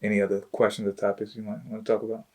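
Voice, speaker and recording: Low-voiced man chatting casually. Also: completely flat delivery, very fast. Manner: loose and informal, full of "you know" and "like". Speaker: host, entrepreneur. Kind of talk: casual chat with his wife.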